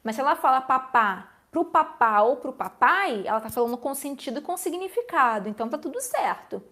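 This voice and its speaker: A woman's voice: high-pitched, sing-song, fairly quick, fairly bright tone. A woman, a speech therapist answering viewer questions in a live stream, explaining step by step and often checking in with listeners.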